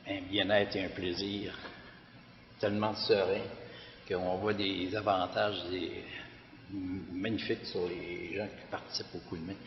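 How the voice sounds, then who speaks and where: Deep-voiced Québécois man in an echoey hall. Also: level tone, a little slow. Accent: Québécois French. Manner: hesitant, many fillers and restarts. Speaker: director of a community garden organization. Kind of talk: public testimony talk. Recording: echoey hall, dull lo-fi sound.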